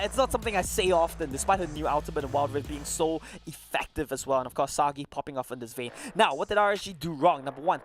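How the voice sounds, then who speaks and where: A man commentating on an esports desk with bantering analysis, playful and sardonic, saying his "th" sounds as "t". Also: fairly high pitch. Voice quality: speech quirk, "th" sounds said as "t".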